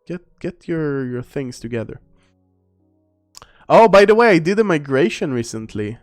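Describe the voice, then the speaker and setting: A man's voice: on the high side, big pitch swings, unhurried. A man casually commentating a game livestream, rambling and reading viewer chat aloud, with faint music behind him. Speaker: gaming streamer. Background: faint background music.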